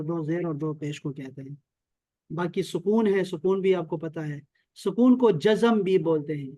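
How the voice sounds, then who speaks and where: Over a video call, a Pakistani man leads an online Arabic and Quran class, going back over key terms and frequently making sure his students keep up. His voice sits high and sounds mellow, recorded dry.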